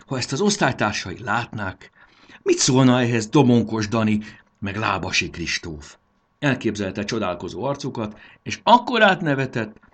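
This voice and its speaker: A man reads a children's story aloud with a low, slightly husky voice. His delivery is expressive, and his pitch swings widely through each sentence. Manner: lively, expressive reading. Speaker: narrator. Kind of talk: storybook narration.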